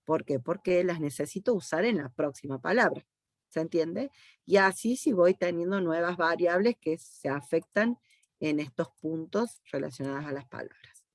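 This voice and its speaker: A woman's voice: fairly low pitch, animated, moderate pace, dry recording, studio quality. Patient Argentine woman teaching code. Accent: Argentine Spanish. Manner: patient, checks understanding with frequent "¿sí?". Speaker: university teacher. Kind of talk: explaining code step by step to students.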